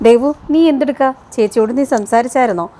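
A woman doing a gently scolding young man. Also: fairly high pitch, quick pace, lightly acted. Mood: reproachful.

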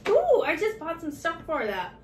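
A woman's voice: very high voice, huge pitch swings, normal speed, slight background noise. A chatty, giggly woman hosting a casual snack unboxing and taste test. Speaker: vlog host. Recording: echoey room, mic far off.

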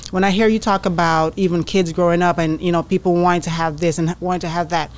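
A woman in her thirties from Jamaica co-hosts a podcast from a studio mic. She talks in an affirming, encouraging way. She is relaxed and conversational. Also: fairly low pitch, quick pace. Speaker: podcast co-host. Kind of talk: casual interview talk. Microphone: studio mic on boom arm.

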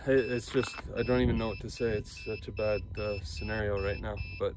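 A man in his forties with a gravelly, creaky voice talks to a phone held at arm's length. He rambles with restarts and sounds frustrated. The outdoor recording is noisy. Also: on the low side, fairly even intonation, normal speed. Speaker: family travel vlogger. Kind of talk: casual vlog talk to camera. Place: outdoors on a forest road and woods.

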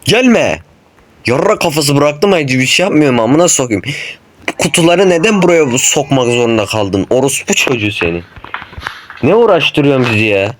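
A man cursing nonstop as he plays a horror game, yelling in panic when chased. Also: medium pitch, sing-song, normal speed. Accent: Turkish. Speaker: gamer. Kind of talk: horror game let's play commentary. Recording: noisy home mic recording.

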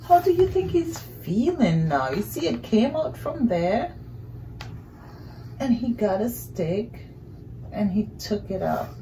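Seated on a couch in a small living room, a middle-aged woman improvises a picture-book story for young children, expressive and full of exclamations and questions. Her warm, medium-pitched voice swings widely in pitch, moving slowly with long pauses. The audio is poor, with a little hiss or hum.

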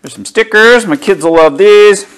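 A middle-aged man slowly unboxing and inspecting car parts in his home garage, talking casually to a camera a few feet away. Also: high-pitched, noisy background. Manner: slow, easygoing, talks while handling parts. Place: home garage workshop, indoors.

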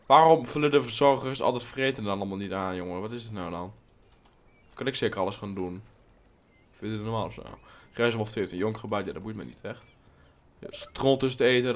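A young man hosting a casual let's play, rambling and blunt, swearing freely, mixing in English phrases and breaking into sudden excited outbursts. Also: lowish voice. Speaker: gaming channel host.

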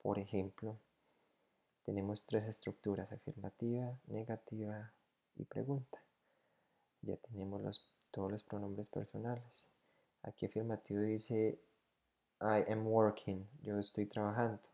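A man explains grammar like a schoolteacher, patiently walking through each example. His voice is low and gravelly, with a dark, mellow tone. He speaks slowly and evenly, with little rise and fall. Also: little pitch movement. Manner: slow, patient, step by step, repeating each example in two languages. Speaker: English teacher. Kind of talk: recorded grammar lesson explaining on screen.

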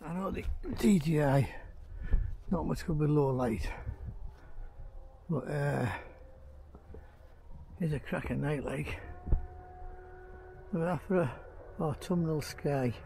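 Vlogging on a riverbank at night, an angler with a Teesside accent chats casually and colloquially into his camera or phone mic. His voice sits on the high side and sounds gravelly. He speaks slowly, pauses often, and the background is noisy.

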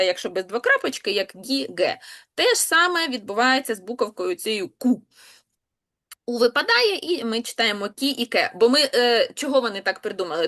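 Lady tutor walking through spelling rules slowly, lots of ems and uhs, fairly high voice. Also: fairly bright tone. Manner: patient, explains step by step with fillers. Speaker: language teacher. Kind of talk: online lesson explaining spelling.

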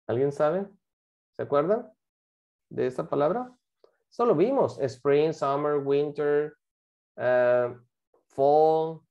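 With a low, mellow voice, a woman walks an English class through their homework, staying patient and often asking questions to make sure everyone understands.

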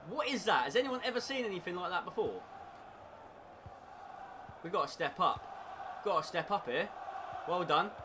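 A man's voice: high-pitched, noisy background. A young man streaming a football game, reacting to play and chatting to his viewers, easily frustrated. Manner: excitable, talks to chat, quick to frustration. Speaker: gaming streamer. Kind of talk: live gameplay commentary.

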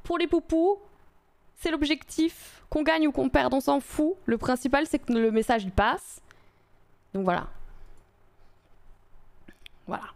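A woman's voice: sits high, unhurried, vocal fry, pauses often. A woman streaming live, chatting casually with her viewers in a rambling way, full of fillers and restarts.

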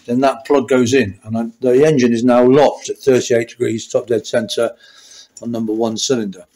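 A man's voice: medium pitch, level tone, normal speed, mellow. Older man explaining engine work. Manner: thinking aloud, restarting sentences while working. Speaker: motorcycle mechanic. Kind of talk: hands-on workshop tutorial. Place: small garage workshop, indoors.

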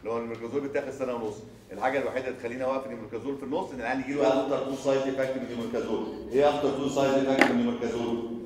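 A male surgery lecturer with an Egyptian Arabic accent who talks quickly, repeats himself and quizzes his students with rhetorical questions. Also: medium pitch, fairly even intonation, crowd noise. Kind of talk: recorded lecture. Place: lecture hall. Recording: echoey lecture hall from far off.

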